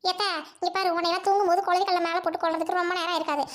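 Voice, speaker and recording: A woman's voice: little pitch movement, very fast. A woman voicing a foul-mouthed, scolding old mother-in-law in a family drama. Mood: spiteful. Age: older. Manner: shrill, scolding, cackling insults. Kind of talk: family radio-play acting.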